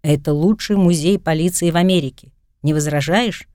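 A woman's voice: sits low, moderate pace, darkish tone, no echo, clean studio sound, close to an everyday voice. A woman reading a teasing young cop. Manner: playful, self-assured. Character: young man, a confident, teasing New York cop.

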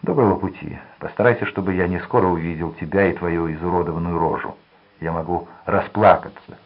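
A man voicing a cold, greedy male swindler who talks gruffly and with contempt. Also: deep voice, a little fast, highs cut off. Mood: mocking.

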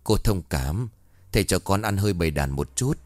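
A man's voice: deep voice, expressive, normal speed, darkish tone, no echo. A man voicing a polite, deferential young male apprentice.

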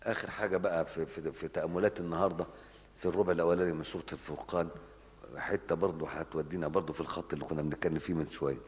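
A man preaching a Ramadan mosque lesson in an Egyptian Arabic accent, animated and scolding, asking rhetorical questions and answering them himself. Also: low-pitched, rapid-fire, big-room sound, dull audio.

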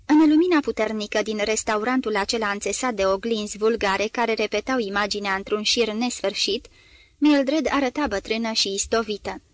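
A woman's voice: fairly high pitch, dry recording. Woman reading a novel aloud, dry. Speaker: audiobook reader. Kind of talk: literary audiobook narration.

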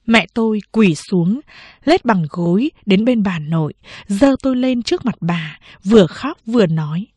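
A woman reading a novel aloud as an audiobook narrator, measured and steady. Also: mid-range voice, husky, no room sound.

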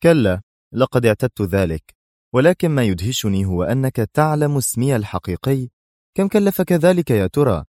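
Guy voicing a smug mocking spy in chains, cool and sarcastic, pitched up a bit. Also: quick pace, a little mellow, dry recording, clean studio sound, close to an everyday voice. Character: mocking, defiant captive male spy.

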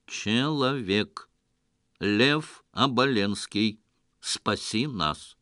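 A man reading an audiobook, voicing a flying saucer with an even, metallic, robot-like voice in a flat, slow delivery. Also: fairly low pitch, no echo, clean studio sound, full character voice. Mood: pleading.

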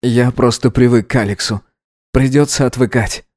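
A man's voice: medium pitch, fairly even intonation, moderate pace, a little mellow, dry recording, clean studio sound, close to an everyday voice. A man voicing a weary young surgeon. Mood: dejected. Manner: tired, restrained. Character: weary young male surgeon, grieving and hurt.

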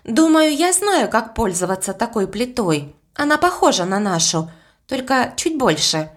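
A woman's voice: a little high, sing-song, moderate pace. A woman voicing a sensible, determined young girl who talks in a firm, practical way, reading an audiobook. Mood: thoughtful. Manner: firm, practical, reasoning aloud.

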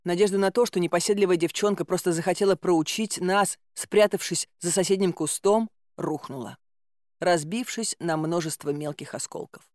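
A woman narrating a first-person fairy-tale audiobook in a wry, expressive storytelling manner. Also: on the low side, moderate pace, no echo, studio quality.

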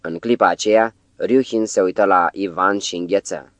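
A man narrating an audiobook with a steady, unhurried reading. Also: sits low, no room sound. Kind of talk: scripted narration.

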